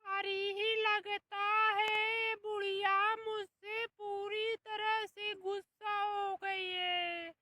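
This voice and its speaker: A woman's voice: very high-pitched, little pitch movement, very slow, hardly any pauses, noisy background, exaggerated voice. A woman voicing a lazy, sulky young daughter-in-law who whines and pleads. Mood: pleading.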